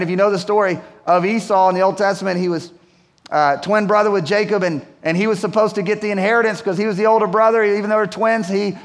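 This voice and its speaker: Conversational pastor preaching in a reverberant hall. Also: male voice, high-pitched. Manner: conversational preaching, swings from loud to hushed. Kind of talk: sermon. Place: church sanctuary.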